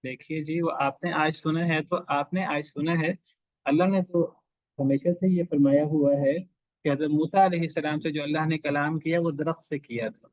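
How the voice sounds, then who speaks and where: A man lecturing a class on scripture, his voice pitched a little high for a man. He drives each point home with repeated rhetorical questions. The sound is dry and close. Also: fairly even intonation, a little mellow, dry recording. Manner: emphatic, asks rhetorical questions and repeats phrases. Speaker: Quran teacher.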